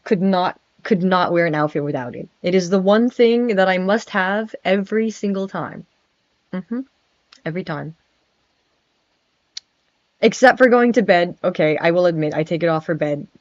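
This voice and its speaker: A woman's voice: lowish voice, steady tone, normal speed, a little mellow, no echo. A woman streaming in character as a friendly male vampire prince, chatting casually, giggling nervously and stammering. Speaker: virtual streamer. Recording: dry, dull lo-fi mic.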